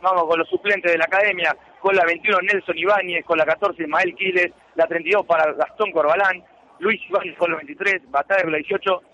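An Argentine man reports live on a football match at a quick pace. His voice is high and bright, over a dull radio signal with faint noise. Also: fairly even intonation.

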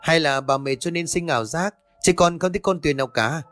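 A man's voice: a little high, brisk, a bit bright, dry recording, faint music behind, voice pushed up, natural voice. A man doing a blunt young servant girl. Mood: blunt questioning. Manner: blunt, questioning.

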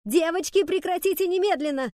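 A woman voicing a strict female school teacher who shouts commands loudly. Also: very high voice, fairly quick, no echo, studio quality, voice pushed up. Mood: furious. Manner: loud, commanding.

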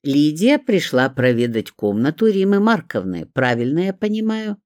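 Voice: mid-range voice, very animated, moderate pace, darkish tone, no echo, studio quality, pitched above the performer's own voice, lightly acted. A reader voicing a sly middle-aged neighbour woman who speaks in a sugary, mock-innocent tone.

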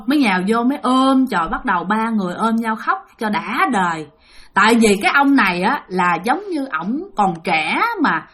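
A woman's voice: on the high side, fairly bright tone. A woman telling a ghost story in a rambling, filler-heavy way, speaking directly to her listeners. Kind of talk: spoken ghost story narration.

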